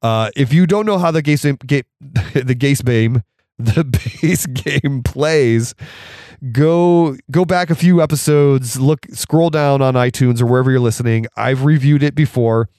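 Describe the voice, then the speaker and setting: A man hosting a board game podcast, hoarse and raspy from a cold, talking casually and with a lot of enthusiasm. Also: medium pitch, normal speed, darkish tone, no echo, clean studio sound. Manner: enthusiastic, laughs often. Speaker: podcast host reviewing board games.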